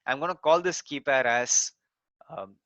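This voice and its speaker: A course instructor walks through a screen-recorded technical tutorial one step at a time, peppering his speech with "so" and "uh." His medium-pitched voice is unhurried and sharp, and the recording is dry.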